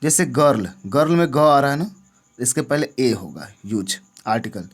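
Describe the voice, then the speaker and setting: A man leads a classroom-style English grammar lesson in a mid-range voice with lively intonation and a normal speed. Often he turns to the viewer with questions, making sure they've understood.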